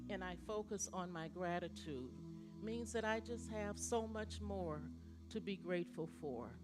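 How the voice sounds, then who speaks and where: A woman leading a slow, calm gratitude prayer in a church, repeating her thanks line by line. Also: medium pitch. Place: church sanctuary.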